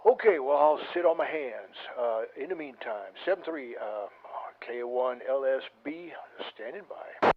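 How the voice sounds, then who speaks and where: A man checking in as an amateur radio operator, polite and halting with repeated restarts, heard over a noisy, narrow ham radio transmission. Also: medium pitch, animated. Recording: hissy, tinny two-way radio signal.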